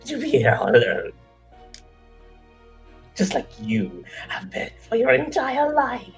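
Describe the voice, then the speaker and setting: A woman voicing a haughty, mean princess in a video game, with a regal, imperious, drawn-out delivery. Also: fairly high pitch, huge pitch swings, breathy edge, faint music behind, exaggerated voice. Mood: mocking, haughty. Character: haughty, mean, beautiful human princess, spiteful and taunting. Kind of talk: game character voice-over, playful live read.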